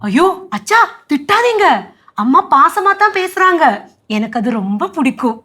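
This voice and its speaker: An actress playing a soft-hearted young woman of a sitcom household who mixes Tamil into her Malayalam and speaks with a Tamil accent. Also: extremely high pitch, big pitch swings, moderate pace, heavily acted. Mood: pleading. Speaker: family member in a sitcom household. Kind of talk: sitcom acting.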